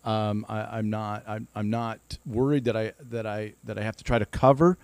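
A man's voice: lowish voice, little pitch movement, moderate pace, a little mellow, no room sound. A man from Ohio, co-hosting a casual ministry podcast and talking earnestly, often repeating words while he builds a point. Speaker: podcast co-host.

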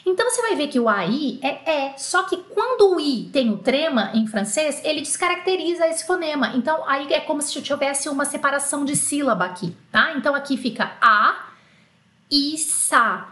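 In an echoey room, a Brazilian woman with a Brazilian Portuguese accent patiently walks through an online French lesson, spelling letters out slowly. Her high voice is expressive with a fairly bright tone.

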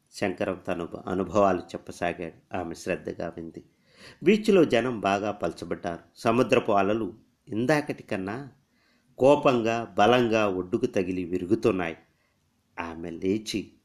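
A man reading a short story aloud in a measured, expressive narration. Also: low voice.

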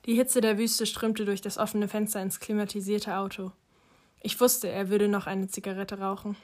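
A woman narrating a first-person audiobook in a quiet, reflective way. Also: mid-range voice, flat delivery, moderate pace.

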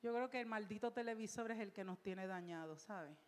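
A woman's voice: medium pitch, brisk, long reverb tail. A woman pastor preaching a sermon in church, emphatic and repetitive, with rhetorical questions.

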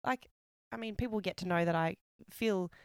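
A woman's voice: medium pitch, normal speed, clear, resonant tone, dry recording, clean studio sound. A woman co-hosting a podcast in casual chat, talking loosely, trailing off and laughing easily. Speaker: podcast co-host.

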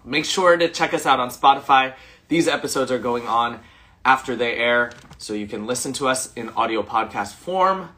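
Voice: mid-range voice, moderate pace, bright, forceful tone. An upbeat podcast co-host who laughs often while chatting and asking questions. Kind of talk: casual podcast chat.

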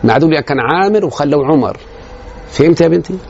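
A man with an Egyptian Arabic accent lectures a class on grammar at a brisk clip, his voice gravelly and full of fry. He walks through each point and keeps asking whether the students have understood. The recording is muffled and lo-fi, with faint noise underneath. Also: a little high, animated, darkish tone. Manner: explains step by step, often checks that students follow.

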